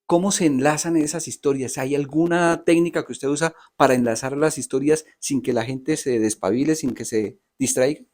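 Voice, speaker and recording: A man's voice: mid-range voice, steady tone, moderate pace, hardly any pauses, a little mellow. A Colombian man in the interviewer's chair with an ordinary mid-range voice. He asks long, polite questions, building them up clause by clause before handing over to his guest.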